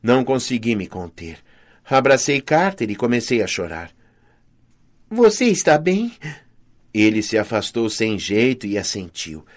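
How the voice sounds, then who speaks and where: A man with a Brazilian Portuguese accent reads a first-person fantasy audiobook dramatically and expressively. His voice is fairly low, and he keeps a moderate pace.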